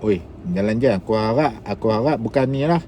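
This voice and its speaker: A man's voice: on the low side, animated, fairly quick, warm tone, a little hiss or hum. A man with a Kedah Malay accent telling rambling stories on a live stream while driving. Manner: chatty, rambling, slips into dialect. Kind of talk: casual live storytelling. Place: inside a car while driving. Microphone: phone live stream.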